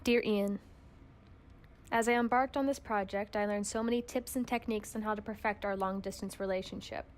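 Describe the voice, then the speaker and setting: A young woman, a college student, reading a personal letter aloud in an earnest, tender, measured way. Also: a little high.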